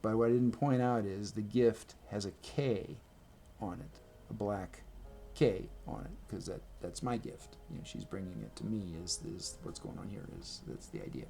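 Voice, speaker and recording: An animated man with a low-leaning, gravelly yet mellow voice speaks at a moderate pace to his camera indoors at home. This video creator rambles chattily and self-corrects while showing things, with faint music behind him on the camera mic.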